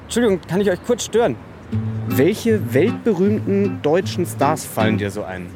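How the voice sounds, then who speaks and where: A male street interviewer with a fairly high, very animated voice. He asks casual questions of passers-by, with clear music playing behind him. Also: moderate pace. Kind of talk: casual vox pop questioning.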